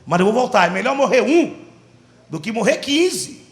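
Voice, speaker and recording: High-voiced Brazilian pastor preaching in an echoey hall. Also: male voice, normal speed. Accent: Brazilian Portuguese. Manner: storytelling preacher, animated and dramatic. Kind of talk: sermon.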